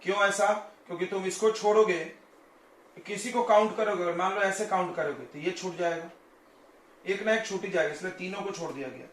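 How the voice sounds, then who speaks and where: The speaker is a male chemistry teacher in a coaching classroom, walking students through each step and frequently confirming they understand. His high-pitched, brisk voice sounds far from the mic, with room echo and a little hiss or hum.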